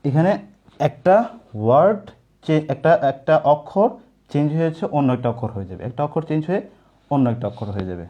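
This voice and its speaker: Young male tutor, relaxed and mellow tone, patient step-by-step explainer with chatty asides. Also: a little high, fast talker, lo-fi sound. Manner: explains step by step, asks the class questions; casual, colloquial asides to students. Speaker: teacher. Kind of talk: online coaching lecture.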